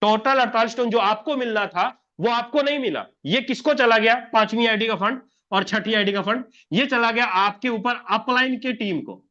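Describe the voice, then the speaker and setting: A man's voice: extremely high pitch, normal speed, few pauses, pushed and bright, lo-fi sound. A man explaining a plan step by step on a whiteboard, repeating himself and answering his own questions. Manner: repetitive, asks and answers his own questions, addresses viewer as sir. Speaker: presenter explaining an income plan.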